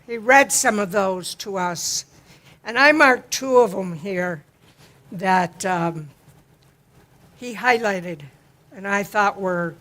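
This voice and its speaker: In a church sanctuary, a woman speaks slowly and easily to her congregation during a worship service, offering a gentle reflection that leads into a hymn. Her homespun, deliberate delivery takes its time. She describes her own voice as low, though the tone comes across fairly bright.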